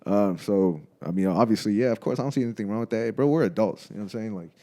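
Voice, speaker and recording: A podcast co-host in his thirties chats casually, his lowish voice mellow and rapid-fire. He's laid-back and slangy, often saying "bro" and laughing.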